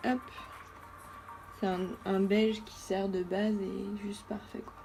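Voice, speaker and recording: A woman's voice: medium pitch, little pitch movement, slow pace, warm tone, soft background music. A woman giving a casual makeup tutorial as a beauty vlogger, chatty and thinking aloud with lots of fillers.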